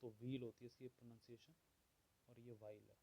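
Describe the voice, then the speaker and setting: A man teaching vocabulary, explaining words and listing their opposites at a steady pace, often checking in with "theek hai". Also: medium pitch, vocal fry, breathy edge, low-quality recording. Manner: slow and measured, repeats "theek hai" often. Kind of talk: explaining word meanings.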